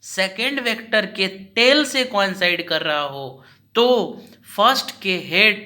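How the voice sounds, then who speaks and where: A man's voice: high-pitched, pushed and bright. A male teacher giving a recorded lesson, patient and repetitive, who asks questions and then answers them himself. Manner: patient, repeats each point slowly. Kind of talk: recorded class lecture.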